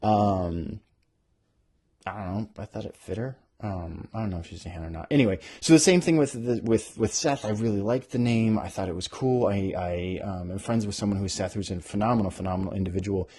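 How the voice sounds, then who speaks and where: A man talking casually as an author hosting a podcast, animated and often interrupting himself as he thinks aloud. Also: fairly low pitch, fairly quick, breathy edge. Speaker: author hosting a podcast about their own book. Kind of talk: casual rambling talk with bits read aloud.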